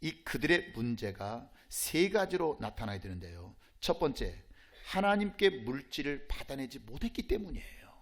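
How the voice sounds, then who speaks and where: A male pastor preaching a sermon with passion. He asks rhetorical questions, repeats his pleas, and swings from hushed asides to shouting. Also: medium pitch, sing-song, normal speed.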